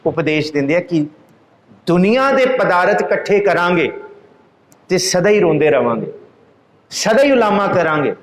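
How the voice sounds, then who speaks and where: A man giving a religious discourse, chanting lines of scripture slowly and then explaining them. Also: sits high, sing-song, echoey room, low-quality recording. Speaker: Sikh preacher.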